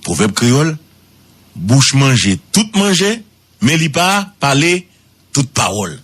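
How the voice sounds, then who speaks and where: Husky Haitian man, animated commentary. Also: unhurried. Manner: swoops high for emphasis, repeats words. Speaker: radio commentator.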